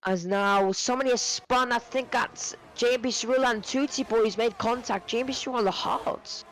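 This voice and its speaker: A man giving live sim racing commentary, excitable and rambling with many fillers, his voice going hoarse and cracking. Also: very high voice, normal speed, rough recording. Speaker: race commentator.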